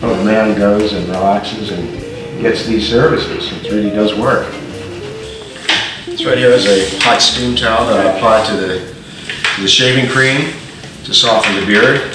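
A man's voice: on the low side, a little slow, pauses often, over loud music. An older man, a master barber, confidently explaining shaving while he works in a large barber shop. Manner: confident, instructive. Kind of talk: explaining his craft. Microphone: far camera mic. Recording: echoey room, far from mic.

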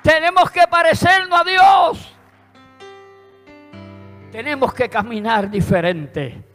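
High, bright-voiced Puerto Rican preacher. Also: male voice, slow. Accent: Puerto Rican Spanish. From Puerto Rico. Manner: fervent, rising to shouted praise. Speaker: pastor. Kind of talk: preaching a sermon. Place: church sanctuary. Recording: long church reverb with instrumental music.

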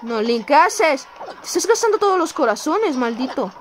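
Woman, gameplay host, nervous, exclaiming, very lively pitch, noisy background. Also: normal speed. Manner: jittery, exclaiming, apologizing to viewers. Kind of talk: let's-play commentary.

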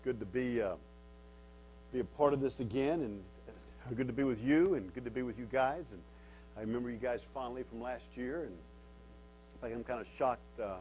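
A Kansas man in his fifties, guest speaker at a men's retreat, tells stories to a seated audience in a wood-paneled church hall. He stutters and repeats himself a lot, uses self-mocking humor, and speaks in a mid-range, darkish voice at a moderate pace with long pauses and slight background noise.

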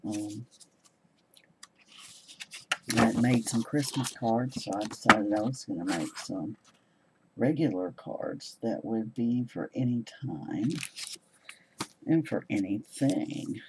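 A man's voice: lowish voice, slow, noisy background. A man casually showing his handmade cards, rambling and hesitant with many ums. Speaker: crafting vlogger. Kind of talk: casual show-and-tell chat.

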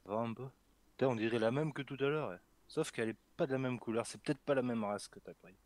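A man's voice: mid-range voice, fast talker, a little mellow, no echo, rough recording. A man chatting and teasing his friends over voice chat while playing a fishing game. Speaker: gamer commentating. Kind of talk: casual group chat over voice call.

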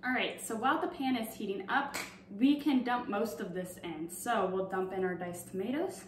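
A woman's voice: medium pitch, moderate pace, slight background noise. A young woman casually demonstrating a recipe in a home kitchen, explaining each step as she goes with plenty of fillers. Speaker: cooking demonstrator. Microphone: far camera on a tripod. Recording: roomy, distant camera audio.

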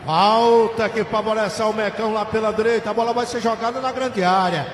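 A Brazilian man calls football play-by-play in a high-pitched voice, excitable and colloquial, leaning on stock phrases. The sound is echoey and noisy, as from a live stadium stand. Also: a little fast. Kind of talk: Brazilian football radio narration. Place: open stadium press stand. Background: stadium crowd ambience.

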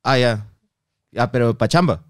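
A man's voice: medium pitch, measured pace, dry recording, studio quality. A man in his thirties with a Peruvian accent, chatting as a podcast guest, telling stories in slangy talk and acting out the other voices in them. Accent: Peruvian Spanish. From Peru. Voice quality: animated storyteller, acts out dialogue, slangy. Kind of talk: casual chat.

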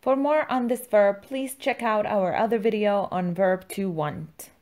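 A woman's voice: mid-range voice, a little slow, darkish tone. A woman hosting a scripted language lesson, enunciating words and phrases in an instructional way. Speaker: language teacher, channel host.

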